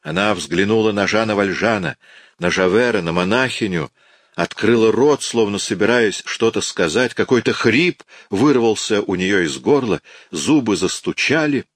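Deep-voiced male audiobook narrator. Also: no echo, clean studio sound. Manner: measured, dramatic reading. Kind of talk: scripted narration.

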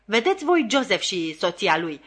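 A woman's voice: mid-range voice, sing-song, a bit bright, husky. A woman voicing a pompous, fawning, hypocritical older man who speaks in an ingratiating way.

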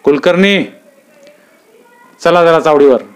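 A male storyteller voicing a gruff, abusive middle-aged police inspector who barks and curses at his men. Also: on the high side, takes it slowly, pitched above the performer's own voice. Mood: mocking. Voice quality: barking, cursing.

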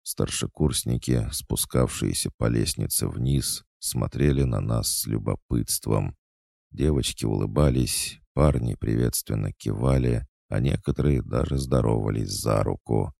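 A man narrating a fantasy audiobook in the first person, calm and even. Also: very deep voice, unhurried, creaky, no echo, studio quality.

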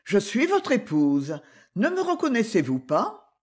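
A timid young bride from a period novel, gentle and trembling, her voice lifted high and breathy, as an audiobook reader puts her on. She sounds soft and fragile. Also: wildly swooping pitch, unhurried, full character voice. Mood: gentle pleading. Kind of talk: audiobook character voice.

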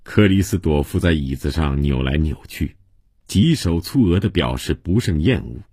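Deep, husky male narrator. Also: no room sound, clean studio sound. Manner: steady, measured storytelling. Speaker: audiobook narrator. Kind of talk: scripted novel narration.

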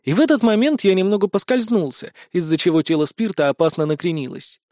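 A man's voice: sits high, fast, darkish tone, no room sound. Earnest male audiobook narrator, dry sound. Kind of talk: first-person audiobook narration. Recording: dry close studio voice.

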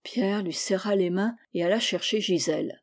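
A woman reading a classic story aloud as audiobook narration, measured and even. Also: medium pitch. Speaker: reader.

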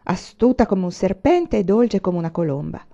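Woman reading a kind wise pioneer dad, calm and a bit teasing, warm mellow tone, dull lo-fi audio. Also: medium pitch, moderate pace, gravelly. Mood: gentle. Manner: calm, gently teasing advice. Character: kindly wise pioneer father, fiddler.

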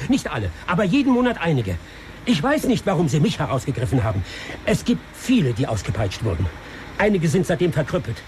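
A pleading, whipped barber. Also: male voice, darkish tone, a little hiss or hum. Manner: earnest, imploring, rising in pitch when upset. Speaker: radio drama actor. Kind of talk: radio drama acting.

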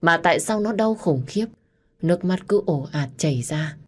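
A woman narrating a romance story in a measured, emotive way. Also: on the low side, animated. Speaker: audiobook narrator. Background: soft background music.

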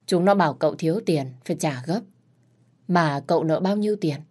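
A fretful older housekeeper in a spoken storybook, her low voice hurrying to keep trouble away, put on by a woman narrator. She talks fast and placating, not quite calm. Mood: flustered. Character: anxious older female housekeeper, quick to placate.

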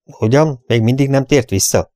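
A man's voice: lowish voice, creaky, a little mellow, no echo, clean studio sound. A man voicing a doubtful older ranch partner. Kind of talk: audiobook character voice.

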